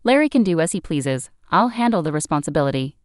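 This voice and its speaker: A woman's voice: sits low, very animated, fast, no echo, clean studio sound. A woman narrator voicing a stern, decisive older father-in-law who founded a company. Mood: firm. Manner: firm, decisive.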